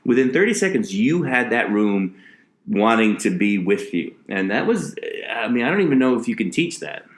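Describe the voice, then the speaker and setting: A man hosting a casual conversational interview as a comedian, building his points haltingly and rephrasing as he goes. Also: mid-range voice, big pitch swings. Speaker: podcast host. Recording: roomy, echoing interview recording.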